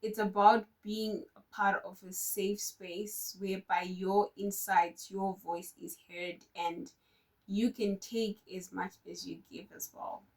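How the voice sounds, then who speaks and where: A woman giving a prepared conference talk about her work in tech, in an earnest, measured way. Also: mid-range voice, little pitch movement, recorded from a distance, poor audio. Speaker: conference speaker.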